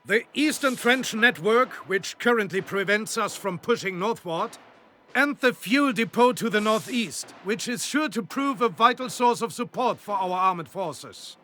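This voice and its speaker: In a scripted war-game cutscene and briefing, an actor voices a German general, a confident and calculating desert war strategist who gives mission briefings with formal, authoritative, clipped commands. The male voice is high-pitched, animated, a little slow, pushed and bright, with a calm, calculating mood and full character voicing over faint music.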